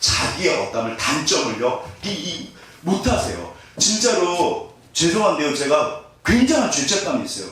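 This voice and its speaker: Man, middle-aged pastor, sermon, jokey and self-deprecating, very lively pitch, heavy echo, distant mic. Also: normal speed, few pauses. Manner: humorous, self-deprecating, animated with laughter. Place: church sanctuary.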